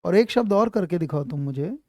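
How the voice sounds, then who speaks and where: A man's voice: high-pitched, animated, brisk, warm tone, no echo, clean studio sound. A man teaching an online grammar class, quizzing his students and repeating his questions.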